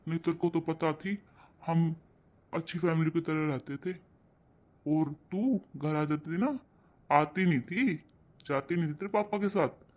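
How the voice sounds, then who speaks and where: A man voicing a kindly, gentle uncle in a cartoon, slow and reassuring. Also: a little high, highs cut off, lightly acted. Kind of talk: cartoon voice acting.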